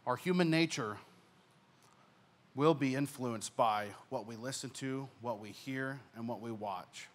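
Young male pastor preaching on a church stage, handheld mic, earnest delivery that swells on key points and softens at phrase ends. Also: medium pitch, unhurried. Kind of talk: sermon.

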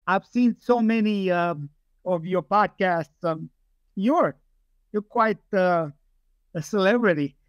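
Older guest from Romania, emphatic and rambling, fairly high voice, dry home video-call sound. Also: male voice, slow pace, dry recording, lo-fi sound. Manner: emphatic, digressive, frequent fillers. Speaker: guest, aerospace engineer. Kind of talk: casual interview over video call. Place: home room, indoors. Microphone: webcam video call.

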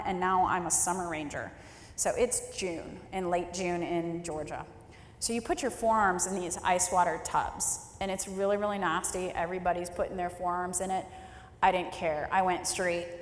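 A woman's voice: medium pitch, fairly bright tone. A woman in her thirties giving a candid, wry storytelling speech as keynote speaker at a leadership forum. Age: 30s. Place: large hall at a leadership forum. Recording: roomy hall with long reverb.

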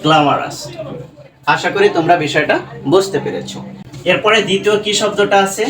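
A man teaching English pronunciation, patiently breaking words apart slowly and asking his students questions. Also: high-pitched, crowd noise. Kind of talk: classroom lesson explaining English pronunciation. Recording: echoey room, voice from far off.

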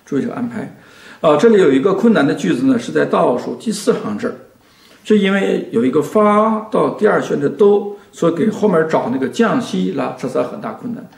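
A man teaching violin, speaking slowly and patiently to a student, his sentences trailing off softly. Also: a little high, lively intonation, vocal fry. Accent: Mandarin Chinese. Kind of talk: explaining to a student in a lesson. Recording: echoey room with violin playing.

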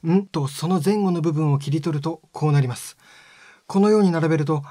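A man narrating a lesson in a calm, polite, step-by-step manner. His voice sits a little high for a man. It is recorded close and dry, with no room sound. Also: dry recording. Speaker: phonetics teacher. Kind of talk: scripted explanatory narration.

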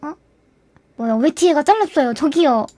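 A young woman streaming live, chatting with her viewers in a flustered, excitable rush of protests. Her voice sits very high and leaps all over the place. Clear background music plays beneath her words. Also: moderate pace. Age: 20s. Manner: animated, flustered and protesting, shouting and laughing. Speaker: livestreamer. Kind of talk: casual chat with viewers. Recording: music playing behind the voice.

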